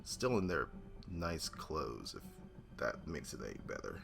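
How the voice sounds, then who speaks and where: A man recapping a tabletop game session in a weary, halting, gravelly way. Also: extremely low pitch, big pitch swings. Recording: music under the voice. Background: music.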